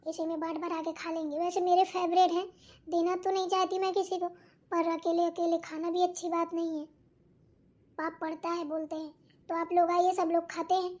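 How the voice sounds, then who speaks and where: Woman playing a chatty cartoon daughter-in-law, very high voice, talks to viewers. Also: flat delivery, normal speed, darkish tone. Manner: chatty, addresses viewers directly. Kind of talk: cartoon voice acting.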